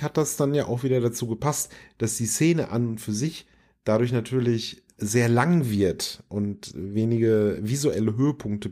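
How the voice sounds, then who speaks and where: A man's voice: medium pitch, a little mellow. A man co-hosting a podcast, chatting about an episode in an amused, emphatic way. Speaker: podcast co-host. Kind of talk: casual review chat.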